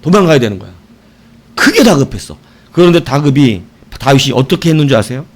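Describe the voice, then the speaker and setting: A middle-aged male pastor preaching an evening sermon, telling stories with animated shouts and asking his congregation questions. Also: medium pitch, brisk.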